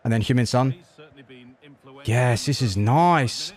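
A man giving live commentary on his own football video game match, excitable, jumping from low groans to loud yelps. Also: takes it slowly. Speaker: gaming YouTuber.

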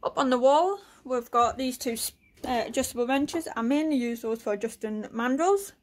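Filming on a phone held in her hand, this UK woodworking vlogger shows off her little shed workshop in a casual way. Her voice sits high and she talks at a normal speed, running through her tools in a relaxed manner peppered with fillers.

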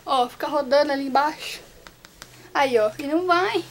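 A young woman from Brazil vlogging casually, nervous and excitable, her voice trembling as she exclaims often. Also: high voice, normal speed, slight background noise. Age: young adult. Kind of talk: casual vlog reacting to exam results.

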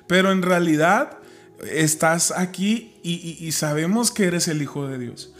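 A man's voice: on the high side, unhurried, a bit bright, soft background music. A man casually discussing a Bible story, retelling scripture with many fillers and restarts.

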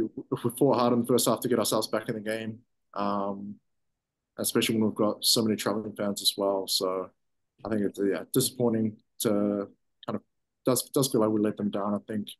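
In a press room with a sponsor backdrop, the thirty-something soccer defender takes postgame questions via video call in a fairly low voice. The audio quality is poor, and his answers are halting, full of fillers and sentences he starts over.

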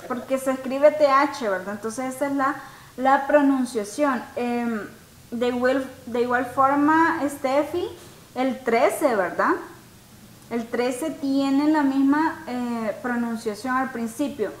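Woman, English teacher, high voice, unhurried, patient, on a video call in an echoey room. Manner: patient, asks students questions, mixes Spanish and English. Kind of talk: online class teaching.

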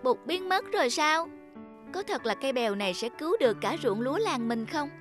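A dutiful young village girl in a children's cartoon voiced by a woman, high-pitched and polite. She sounds earnest and a little anxious. Bright kids' music plays behind her. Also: big pitch swings, fairly quick. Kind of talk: cartoon voice acting.

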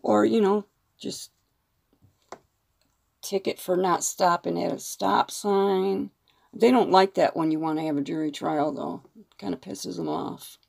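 A woman's voice: fairly low pitch, steady tone, measured pace, vocal fry, long pauses, darkish tone. A woman nail art vlogger who is losing her voice, talking frankly and rambling with opinions and some mild swearing. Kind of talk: casual talk to camera.

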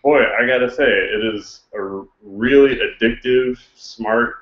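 A man hosting a casual chat, relaxed and hesitant, with many fillers and restarts. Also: mid-range voice, measured pace. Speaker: host. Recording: roomy, dull lo-fi sound.

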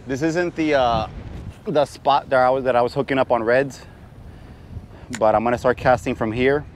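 A man's voice: medium pitch, normal speed. A man narrating a casual fishing vlog from a small boat, whooping and chatting to his viewers. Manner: excited hollering when fish bite. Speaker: fishing vlogger. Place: small boat out on open bay water. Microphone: action camera worn on the body. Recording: outdoor camera audio with wind noise. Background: wind and water.

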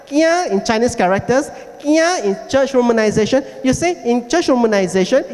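High-voiced man lecturing in a hall. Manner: explanatory, repeats key words slowly. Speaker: heritage forum speaker. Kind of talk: presentation lecture. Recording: long hall reverb.

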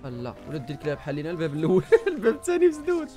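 Moroccan male streamer, high and animated, laughs through everything. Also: very fast, over music. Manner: laughs a lot, excitable, yelling. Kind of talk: role-play gaming commentary.

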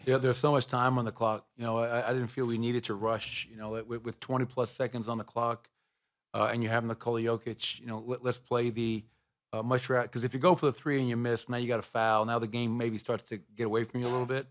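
After the game, a middle-aged basketball coach takes reporters' questions through a table microphone in a press room, a sponsor backdrop behind him. His mid-range voice keeps a level tone, and his answers are measured and peppered with fillers.

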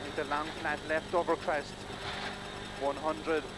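Inside a rally car tearing down country lanes, a male co-driver reads rapid pace notes at a measured pace, keeping his pitch even and his calls of directions and numbers terse and clipped. Heavy engine din and vehicle noise are loud throughout the recording.

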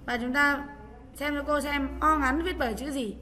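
Bright-voiced woman teaching a class. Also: high voice, moderate pace, long reverb tail. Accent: Vietnamese. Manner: patient, repeats key points, calls on students. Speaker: English teacher. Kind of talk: online class lesson.

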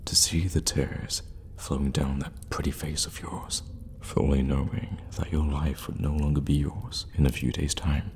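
In an ASMR fantasy roleplay, a man with a bass voice plays an evil, sadistic warlock, teasing and menacing and often slipping into a breathy whisper. He speaks slowly, with drawn-out hums and dark chuckles.

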